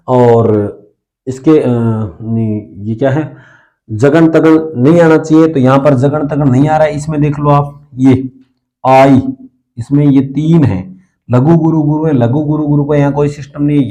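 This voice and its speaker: A man teaching a lesson on Hindi poetic meter. He explains step by step, counts syllables aloud and often checks in with a quick "okay", clearing his throat now and then. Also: mid-range voice, dark tone, highs cut off.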